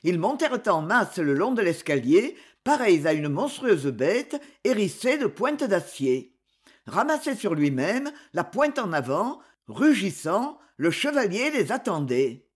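An audiobook narrator telling an adventure story in a measured, unhurried way. The delivery swoops up and down expressively. The voice carries a husky, slightly breathy texture. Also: mid-range voice, big pitch swings.

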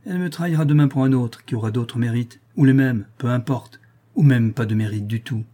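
A man's voice: mid-range voice, a little fast, mellow, close to an everyday voice. A man reading an audiobook voices a portly, mustached nobleman of about forty who answers in an unruffled, sardonic way.

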